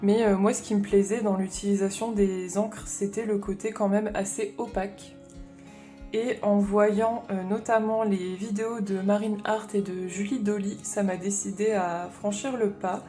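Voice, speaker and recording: Chatty woman vlogger with a mellow voice. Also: medium pitch, fairly even intonation, moderate pace, faint music behind. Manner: chatty and explanatory, thinking aloud. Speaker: craft vlogger. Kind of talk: casual haul chat.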